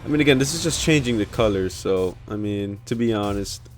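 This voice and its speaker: A man doing casual, informal gaming commentary, rambling as he thinks out loud. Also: lowish voice, lively intonation, brisk. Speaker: gaming video creator. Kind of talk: casual screen-recorded commentary. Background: background music.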